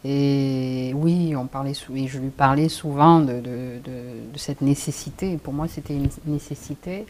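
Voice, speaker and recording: A middle-aged woman with a French accent, telling her own story in an interview, hesitant with many restarts and quick laughs. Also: extremely low pitch, darkish tone. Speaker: interview guest.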